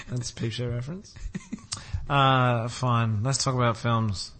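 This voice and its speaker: A man's voice: medium pitch, flat delivery, takes it slowly, a bit bright. A man co-hosting a podcast in casual chat, dry and sarcastic, laughing at his own jokes. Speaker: podcast co-host.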